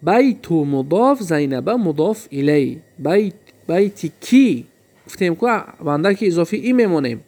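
Male teacher with a gravelly, fairly high voice, who drills example words slowly and answers his own questions. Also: big pitch swings, darkish tone. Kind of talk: grammar lesson.

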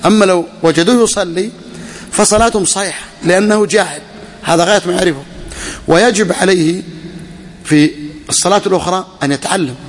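A man's voice: high voice, fast talker, pauses often. A man teaching a class on a legal text, questioning his students and repeating key phrases. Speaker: religious teacher. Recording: echoey hall.

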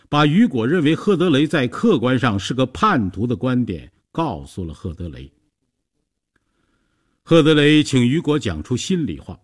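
A man reading a story aloud as a narrator, in a steady, measured way. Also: mid-range voice.

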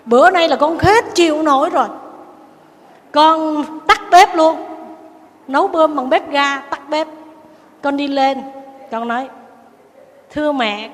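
A woman's voice: sits high, big-room sound. A woman voicing a fed-up young daughter-in-law complaining to a nun. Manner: aggrieved, pleading.

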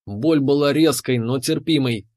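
A man's voice: medium pitch, a little slow, darkish tone. A man narrating a first-person space adventure audiobook in a tense, dramatic way.

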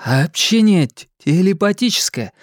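A man's voice: high-pitched, sing-song, a little slow, no room sound, studio quality, voice pushed up. A reader doing a stammering earnest boy. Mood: earnest, halting. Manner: heavy stutter on first sounds.

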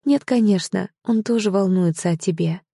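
A woman voicing a gentle, tearful middle-aged mother in an audiobook, speaking in a soft, hushed, comforting way. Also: medium pitch, moderate pace, slightly rough, no echo, studio quality. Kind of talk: audiobook character voice.

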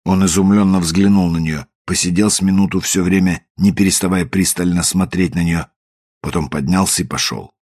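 A man narrating a novel aloud, with a husky voice. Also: low-pitched, steady tone, moderate pace, a little mellow, dry recording, studio quality. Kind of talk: audiobook narration.

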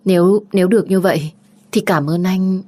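A woman's voice: lowish voice, normal speed, dark tone, natural voice. A woman voicing a young woman heroine who pleads through tears in an audio story. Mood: hesitant.

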